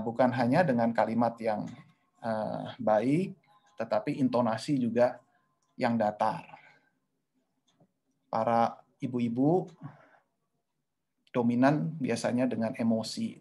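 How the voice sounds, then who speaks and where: A man of average pitch preaches to couples at an online webinar. He keeps a conversational tone and often checks in with short tags as he goes. Now and then he raises his voice to act out what a spouse might say. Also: darkish tone. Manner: conversational and repetitive, often adding "ya" and "gitu ya"; acts out quoted lines in a raised voice. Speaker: pastor. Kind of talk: sermon-style talk in an online webinar.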